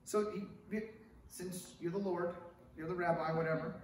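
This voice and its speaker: Here the same Hollywood-born, middle-aged preacher has a high-pitched voice and a measured pace, with slight background noise. Standing at a lectern before a stone wall, he delivers a conversational sermon with wide, animated gestures and questions for the congregation. He's picked up by a stand mic at the lectern and a distant camera, so the sanctuary echoes heavily.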